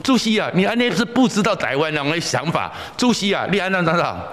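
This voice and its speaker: A man's voice: sits high, big pitch swings, fast, fairly bright tone, big-room sound, voice pushed up. A man voicing a blunt, scolding elderly male party elder in touches. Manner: scolding, repetitive, folksy.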